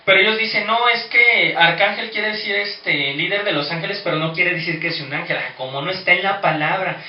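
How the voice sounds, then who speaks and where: A man with a high voice teaching a Bible study and reasoning through points with rhetorical questions. He sounds far from the mic in an echoey room, and the recording is dull. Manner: explanatory, asks rhetorical questions.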